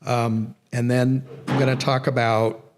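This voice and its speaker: A man's voice: mid-range voice, level tone, a little slow, slight background noise. A middle-aged man giving a public lecture, rambling and correcting himself, with many fillers. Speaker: guest lecturer. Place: nature center event room.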